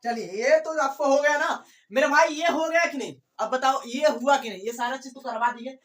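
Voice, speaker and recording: Woman, biology teacher, fairly high voice, repetitive rhetorical questions, classroom lecture, roomy echo. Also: moderate pace, a bit bright. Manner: mixes in English terms. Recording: echoey room, far from the mic.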